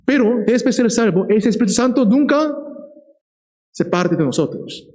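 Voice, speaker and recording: A man preaching a sermon with a fairly high, mellow voice. He keeps checking in with his listeners with short questions and slows down to lean on key words. His delivery is lively and direct. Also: low-quality recording. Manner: lively, checks in with the listeners, often asking "¿verdad?".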